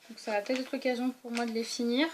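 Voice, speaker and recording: A woman's voice: a little high, level tone, fast, a little hiss or hum. A young woman casually showing her weekend travel toiletries in a vlog, chatty, with many fillers and restarts. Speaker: beauty vlogger. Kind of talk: casual show-and-tell vlog.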